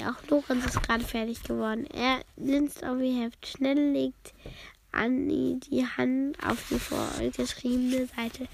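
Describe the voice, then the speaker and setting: A woman's voice: high-pitched, vocal fry. A woman reading a children's book aloud in a casual way, with slips and self-corrections. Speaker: reader.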